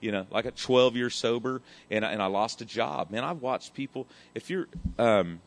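A man's voice: medium pitch, moderate pace. A man, sharing his recovery story in a candid, emotional, rambling way, often saying "man" and swearing casually. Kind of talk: candid personal testimony.

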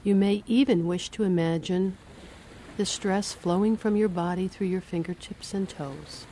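A woman reading a guided relaxation and hypnosis script in a slow, soothing, measured way. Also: medium pitch, warm tone, a little hiss or hum.

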